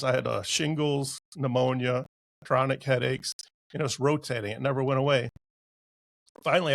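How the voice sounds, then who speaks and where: A man in his sixties, a podcast guest, telling a personal story in a casual, animated and emotional way. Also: medium pitch, vocal fry, no room sound. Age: 60s.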